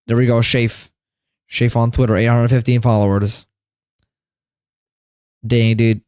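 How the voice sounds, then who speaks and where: A man's voice: medium pitch, level tone, unhurried, darkish tone, clear, resonant tone, no room sound, clean studio sound. Tired man rambling to his stream chat. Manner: rambling, repeats phrases, talks to chat. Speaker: livestreamer. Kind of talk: casual livestream chat.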